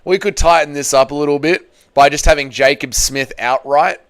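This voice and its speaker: A smooth, fairly high-pitched voice at a moderate pace carries this thirtysomething man's casual MMA livestream. He reads viewer comments, refers to his audience as "boys," and keeps circling back to the same crude, blokey jokes.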